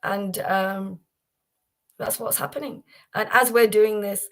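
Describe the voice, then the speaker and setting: A woman speaks slowly and steadily in a mid-range voice as host of a devotional livestream gathering. She greets viewers by name and talks informally, repeating herself and using many fillers and restarts.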